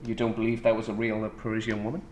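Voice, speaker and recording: A man's voice: fairly low pitch, monotone, very fast, darkish tone. A man hosting an improvised comedy radio show, playfully questioning guests with mock disbelief. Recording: roomy echo, faint background noise.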